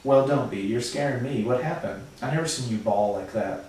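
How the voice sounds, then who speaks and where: A man reading aloud and voicing a gentle, quiet teenage boy who speaks softly, in an echoey room far from the mic. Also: mid-range voice, a little fast, a little hiss or hum, lightly acted. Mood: soothing. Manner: soft, hushed.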